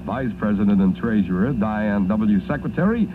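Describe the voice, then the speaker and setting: A man's voice: fairly low pitch, lively intonation, moderate pace. An American man working as a 1950s radio disc jockey, reading out listener dedications. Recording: noisy, tinny vintage radio broadcast recording.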